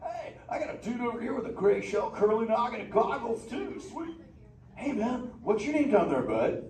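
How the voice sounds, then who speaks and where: Picture a mellow, slang-slinging surfer turtle, as a man acts him out, his high voice leaping all over the place. He riffs playfully, heard from across an echoey theater with steady noise underneath. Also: moderate pace, a crowd in the background, exaggerated voice. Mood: stoked. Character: laid-back male sea turtle surfer dude. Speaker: live show character chatting with audience. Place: indoor theater show. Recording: echoey theater, distant, noisy.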